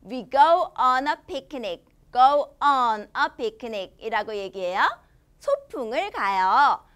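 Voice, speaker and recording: In a studio in front of a green screen, a woman in her thirties reads a storybook in a children's English lesson. Her high, fairly bright, smooth voice swoops with lively intonation as she stretches each English phrase slowly and exaggeratedly, then explains it to the kids in cheerful Korean, unhurried and kid-friendly.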